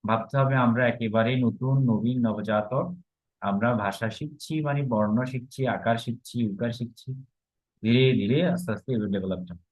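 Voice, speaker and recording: A man's voice: medium pitch, moderate pace. Patient man teaching a grammar class. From Bangladesh. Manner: patient, explains step by step with rhetorical questions. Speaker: Sanskrit teacher. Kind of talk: online grammar lesson. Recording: slightly dull, lo-fi recording.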